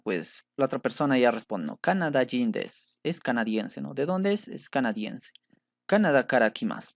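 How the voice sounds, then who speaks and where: Hombre paciente explicando gramática japonesa. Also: male voice, on the high side, no echo, clean studio sound. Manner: patient, checks understanding with frequent "¿sí?". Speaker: Japanese language teacher. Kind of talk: explanatory lesson.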